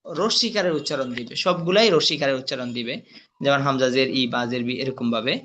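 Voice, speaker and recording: In a recorded lesson, a young man teaches the sounds of Quranic letters, pronouncing each one slowly and with care, running repeated drills and quizzing his class. His voice sits in the middle range with a fairly bright tone.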